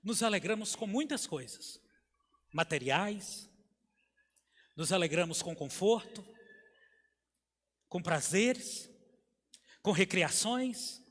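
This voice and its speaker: A Brazilian pastor preaching a sermon with emphatic swells and sudden drops in volume. His voice sits high for a man. The church sanctuary gives it a long, ringing reverb. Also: a bit bright. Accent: Brazilian Portuguese.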